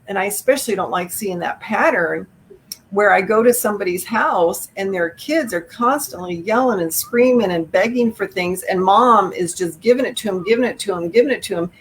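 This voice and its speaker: A middle-aged woman talks through a video call as an author in a conversational live chat. She is frank and opinionated and stresses her points with emphasis. Her pitch sits in an ordinary middle range, and a faint hiss runs under her voice. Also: moderate pace, poor audio. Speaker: author guest.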